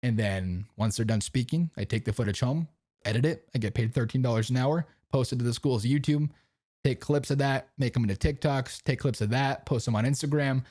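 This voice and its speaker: A man's voice: mid-range voice, a little fast, a little mellow, no echo. Laid-back young man chatting in a dry room. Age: young adult. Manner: laid-back, rambling, slangy, keeps asking "you know what I mean". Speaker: podcast host. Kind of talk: casual chat. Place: home recording setup.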